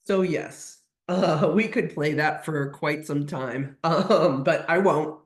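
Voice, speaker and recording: Taking it slowly, a vet tech speaks in a mid-range voice with a roomy sound while battling a cold. The educational webinar lecture moves step by step, and ums and restarts come up often.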